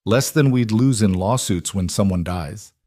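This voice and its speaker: A man's voice: on the low side, measured pace, dark tone, dry recording, clean studio sound. A man voicing a determined single father turned company boss, speaking firmly.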